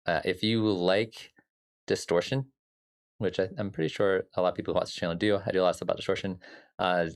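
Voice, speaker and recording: Low, fast and fairly even in intonation, a man's slightly scratchy voice leads a casual music production livestream. He drifts along easily with many fillers, naming viewers as he greets them and responding to chat.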